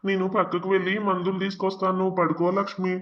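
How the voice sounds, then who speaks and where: A man's voice: sits high, completely flat delivery, racing, dull audio, close to an everyday voice. An actor voicing a poor young village husband pleading and arguing for his sick wife in a cartoon drama. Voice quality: pleading, emotional.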